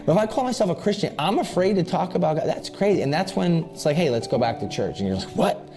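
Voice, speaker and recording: A man in his late thirties speaks openly about his past in an earnest, confessional way, his voice now and then catching with feeling. His voice sits a little high for a man. Soft music plays behind him. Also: lively intonation, fast talker. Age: 30s. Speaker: interviewee sharing his testimony. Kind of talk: emotional personal testimony.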